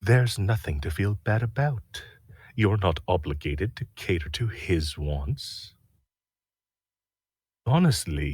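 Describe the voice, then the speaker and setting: A voice actor in a recording session reads script lines slowly in a very low, husky voice, his tone soft, conspiratorial and teasing. The sound is close and dry, with no room sound around it.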